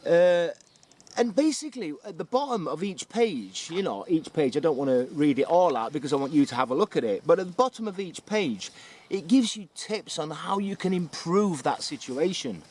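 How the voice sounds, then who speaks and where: Higher-voiced man giving a casual outdoor review. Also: very animated, normal speed, a little mellow. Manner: conversational, explanatory, often checking in with "okay" and "yeah". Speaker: survival instructor and vlogger. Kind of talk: casual book review to camera. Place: outdoors beside a stream.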